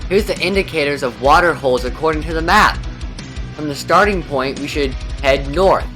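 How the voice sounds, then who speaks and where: A man's voice: fairly high pitch, moderate pace, pushed and bright, soft background music. A man voicing an earnest young horse racer in an emphatic, overacted anime fan dub, explaining as he goes. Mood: grave, explanatory.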